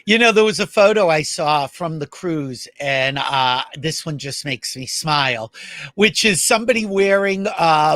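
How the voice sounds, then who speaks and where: Man, talk host, high pitch, forward bright tone, dry sound, gossipy and chatty. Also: no room sound. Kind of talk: casual chatty interviewing.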